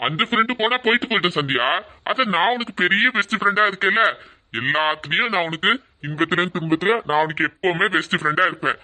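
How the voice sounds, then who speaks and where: Man playing a gentle, comforting uncle. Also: high voice, quick pace, no echo. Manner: soothing, reassuring.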